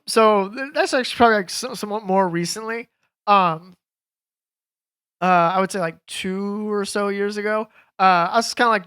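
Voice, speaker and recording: A man in his thirties, a guest on a podcast, telling casual stories in a rambling, animated way with lots of fillers. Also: sits high, smooth. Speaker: podcast guest, jiu jitsu coach. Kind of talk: casual storytelling chat.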